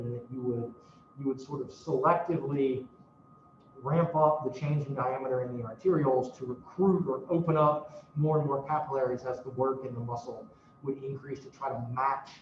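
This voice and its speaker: A man's voice: medium pitch, slight background noise. A man lecturing a university class in a casual, self-mocking way, swearing now and then. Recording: roomy, distant, dull classroom recording.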